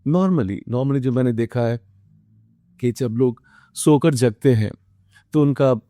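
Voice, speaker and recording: A man's voice: mid-range voice, mellow, no room sound. Indian man lecturing, dry close sound. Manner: mixes English phrases into Hindi, many filler pauses. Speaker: exam coaching teacher. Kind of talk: motivational study lecture.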